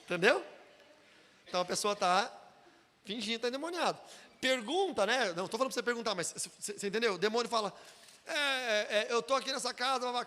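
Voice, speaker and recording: Brazilian pastor guy teaching fast, high bright voice, does all the voices in his stories, big hall echo. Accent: Brazilian Portuguese. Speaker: pastor teaching a deliverance seminar. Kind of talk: sermon-style teaching with told stories.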